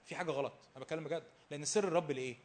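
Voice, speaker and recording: A male preacher with an Egyptian accent delivers a sermon in a high, bright-toned voice. He talks quickly, hammering phrases again and again. He poses rhetorical questions and swings between raised exhortation and near-hushed asides. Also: slight background noise. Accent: Egyptian Arabic.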